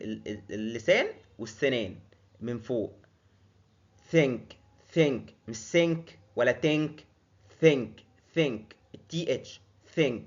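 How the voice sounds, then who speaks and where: A young man with an Egyptian Arabic accent teaching English pronunciation in a casual lesson, repeating drilled words slowly with many fillers and restarts. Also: a little high, fairly bright tone, dull audio.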